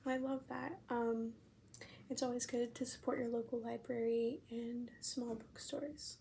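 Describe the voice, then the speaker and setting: A young American woman in an ASMR role-play as a friendly librarian, speaking in a gentle, unhurried, breathy library soft voice. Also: on the high side, flat delivery. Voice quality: soft-spoken, breathy near-soft voice. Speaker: ASMR performer playing a librarian at checkout. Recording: faint background noise.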